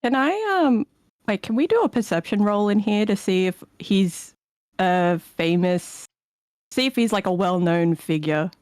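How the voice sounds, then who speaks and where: A woman's voice: medium pitch, measured pace, darkish tone, clean tone, no echo, clean studio sound. A woman player in a tabletop game, giggling and playful as she voices her character. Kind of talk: casual tabletop role-play.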